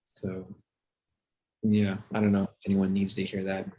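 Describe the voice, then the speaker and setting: A man hosting a group video call and guiding a gentle love practice in a calm, unhurried way. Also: deep voice. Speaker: host and meditation guide. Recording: dull lo-fi video call audio.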